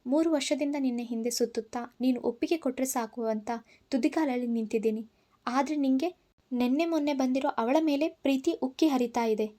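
A woman's voice: high-pitched, normal speed, mellow, natural voice. A woman voicing a spoiled, obsessive young woman who talks back in a defiant, taunting way, in a storybook reading.

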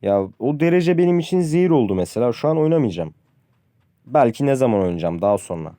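A man's voice: medium pitch, big pitch swings, fast, mellow, no echo, clean studio sound. Frustrated young man ranting over gameplay. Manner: frustrated, ranting about the game; addresses viewers as friends, says "abi" often. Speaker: gaming youtuber. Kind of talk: casual gameplay commentary.

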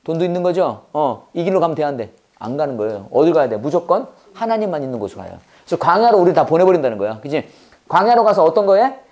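A woman teaching English Bible verses, drilling listeners with quick rhetorical questions and mixing Korean explanation with English phrases in an emphatic, preacher-like way. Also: sits low, sing-song, a little mellow. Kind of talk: call-and-response memorization lesson.

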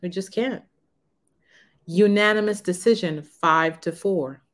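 Slow, frank woman vlogger. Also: lowish voice, fairly bright tone. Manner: frank, unhurried, conversational. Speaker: vlogger on renting. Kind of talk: casual talk to camera. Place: small room indoors. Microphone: camera in front of her.

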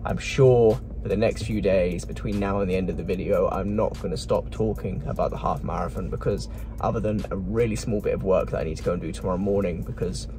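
Man talking quickly into his phone. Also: deep voice, noisy background. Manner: quick, chatty, rambling. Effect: phone video recording. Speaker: vlogger. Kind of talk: casual vlog to camera. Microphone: recorded on a phone.

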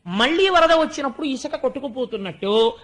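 A man's voice: extremely high pitch, lively intonation, a little fast, fairly bright tone. A man giving a devotional discourse, telling a sacred story dramatically and reciting verses in a chanting tone. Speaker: spiritual discourse speaker.

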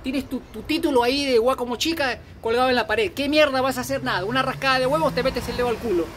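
A man's voice: very high-pitched, quick pace, fairly bright tone, slight background noise. A Peruvian man in his fifties with a Peruvian accent, delivering an angry political rant full of swearing and blunt scolding. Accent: Peruvian Spanish. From Peru. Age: 50s. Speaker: political vlogger.

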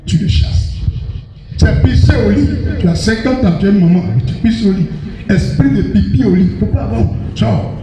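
High-voiced pastor in an echoing church. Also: male voice, brisk, background noise. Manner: exhorting, instructive, teasing the congregation. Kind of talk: deliverance sermon. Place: church service. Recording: echoey church hall with music behind.

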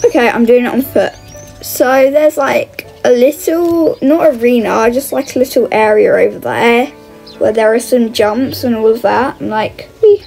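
Her voice is a little high, creaky and darkish, at a measured pace, and the audio quality is poor. This gaming video host gives casual, chatty commentary as she plays, exclaiming and thinking aloud over background music.

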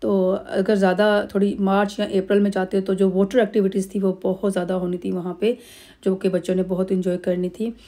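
A middle-aged Pakistani woman with a medium-pitched voice narrates her family holiday vlog over video clips. Her delivery is relaxed and rambling, full of pauses and fillers.

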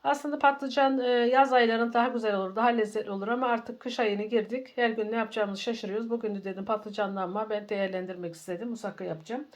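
A middle-aged woman hosting a home cooking tutorial from her kitchen, greeting viewers warmly as friends. She sounds slightly under the weather from a cold. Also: a little high, fairly even intonation, fast, hardly any pauses, highs cut off. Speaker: cooking channel host.

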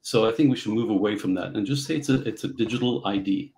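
Middle-aged man from Central Africa, low gravelly voice, halting speech full of fillers, video call guest. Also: darkish tone, poor audio. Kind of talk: casual interview storytelling. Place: home office.

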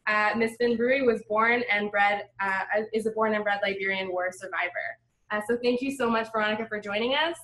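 A woman's voice: mid-range voice, steady tone, brisk, a bit bright, far from the mic. Woman reading an introduction in a room. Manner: reads a bio, stumbles on words. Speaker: conference host. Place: lounge full of seated students. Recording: roomy sound.

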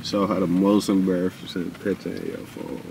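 A man with a fairly low voice leads a casual truth-or-dare game with friends, asking laid-back, slangy questions. The room around him has a steady background noise. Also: brisk, distant mic. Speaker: host asking dares.

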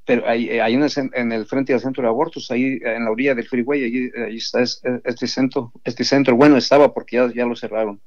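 Earnest guy telling a testimony to his "brothers", repeats a lot, normal pitch, dull lo-fi sound. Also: steady tone, fast, few pauses, a little mellow. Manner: earnest, repetitive, addresses listeners as brothers. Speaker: pro-life sidewalk counselor giving testimony. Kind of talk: testimonial storytelling to a congregation. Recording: dull lo-fi recording.

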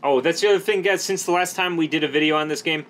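A man's voice: fairly high pitch, fast, fairly bright tone. A man hosting a gaming video, giving casual, slangy and enthusiastic commentary over his gameplay. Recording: background noise under the voice.

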